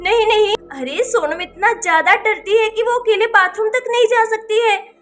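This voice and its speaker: A frantic village mother, voiced by a woman in a doll story, calling out and pleading on the edge of tears. Her voice sits very high and sounds bright and sharp. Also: moderate pace, soft background music. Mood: panicked.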